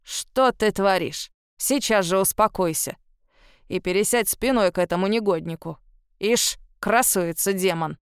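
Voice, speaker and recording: A woman voicing a grumpy, bossy old great-grandmother in an audiobook, with a gruff, croaking voice and slow, drawn-out scolding words. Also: medium pitch, very animated, no room sound, studio quality. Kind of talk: audiobook reading.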